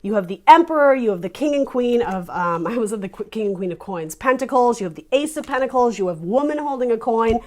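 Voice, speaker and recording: A woman giving a casual tarot reading, chatty and animated, restarting her sentences and laughing between thoughts. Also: fairly high pitch, quick pace, hardly any pauses. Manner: laughs often while talking. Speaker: tarot reader.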